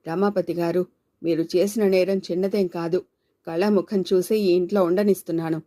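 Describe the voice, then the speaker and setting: A stern, blunt middle-aged man from a storybook, firm and scolding, read in a woman's own low, mellow voice. He speaks plainly and means every word. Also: steady tone, moderate pace, lightly acted. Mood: angry.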